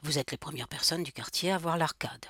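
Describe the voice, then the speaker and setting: A woman voicing a cold, polite male robot salesman who speaks with calm, metallic confidence in a formal sales pitch. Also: a little fast, husky, no echo, studio quality. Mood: coolly persuasive.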